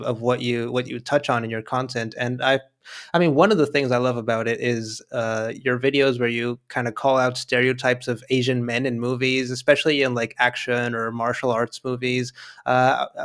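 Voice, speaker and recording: A man's voice: medium pitch, fairly bright tone, clean tone. A man hosting a podcast, reading an upbeat introduction, then asking questions with friendly stammers. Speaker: podcast host. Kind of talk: scripted intro, then interview chat.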